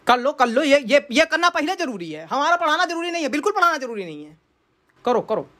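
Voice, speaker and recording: A woman's voice: sits high, very animated, fairly bright tone. A woman voicing an irritable male math teacher who scolds and snaps at his online class. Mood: sarcastic. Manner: exasperated, scolding, quick to snap. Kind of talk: comic sketch acting. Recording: clear background noise.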